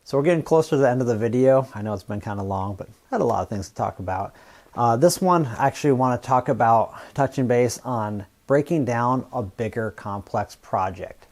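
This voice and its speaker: A man from the US Northwest who hosts a fabrication channel, talking casually and plainly to camera in a relaxed, rambling way. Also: medium pitch, a little fast. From Washington State, US Northwest. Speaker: YouTube fabrication channel host.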